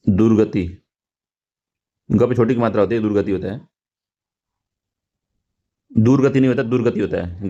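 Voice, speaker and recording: A man's voice: on the low side, mellow, muffled recording. A male teacher going through exam practice questions, repeating words and correcting himself, with frequent fillers. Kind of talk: explaining test answers.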